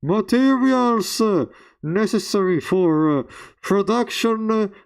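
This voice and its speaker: A man's voice: high voice, expressive, vocal fry, clear, resonant tone, pitched above the performer's own voice, heavily acted. A man voicing a formal schoolteacher in a video game, stumbling word by word as he reads reversed dialogue aloud. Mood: halting lecturing. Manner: halting, stumbling word by word while deciphering reversed text.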